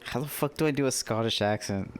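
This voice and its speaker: A man's voice: mid-range voice, fast, a little hiss or hum. A young man casually chatting and joking with friends while playing and voicing a story game. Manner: joking, profane, voices game dialogue. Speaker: game streamer.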